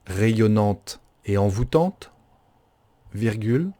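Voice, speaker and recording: A man's voice: lowish voice, expressive, slow, warm tone. A man dictating as a teacher does, phrase by phrase, carefully articulated, with punctuation spoken aloud and each sentence repeated.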